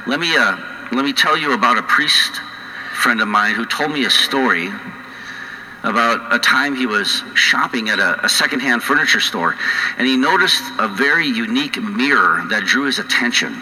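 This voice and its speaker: Male priest, middle-aged, North Dakota accent, conversational homily with pauses, bright forceful tone, long church reverb. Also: mid-range voice, lively intonation. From North Dakota, United States. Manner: conversational, halting, with frequent pauses. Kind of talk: homily to a congregation. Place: large church indoors.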